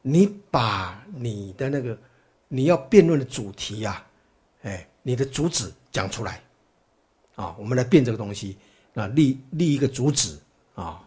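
Husky man, Buddhist teacher, rambling storytelling lecture, mid pitch. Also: lively intonation, measured pace, darkish tone. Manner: chatty, full of fillers and rhetorical questions. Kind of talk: dharma talk, storytelling lecture.

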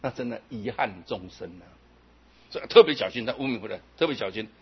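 A man giving a Buddhist dharma talk, chanting examples fast and slow and asking rhetorical questions. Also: lowish voice, animated, breathy edge, lo-fi sound. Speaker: Buddhist teacher.

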